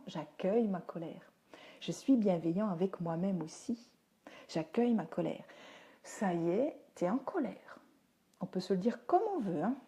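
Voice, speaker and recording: A woman's voice: medium pitch, mellow. A woman giving a chatty, down-to-earth live talk, answering viewers' comments as she goes. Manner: chatty and down-to-earth, with frequent fillers. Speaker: teacher and parenting speaker. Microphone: phone or webcam for a livestream.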